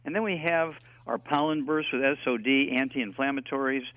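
A man's voice: mid-range voice, no echo. Eighty-year-old man on a phone line. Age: 80s. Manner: rambling, halting with many fillers. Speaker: guest health expert. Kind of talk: radio call-in health talk.

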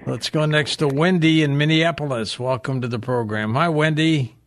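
A man hosting a call-in radio show, introducing callers with brisk, upbeat introductions. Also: a little high.

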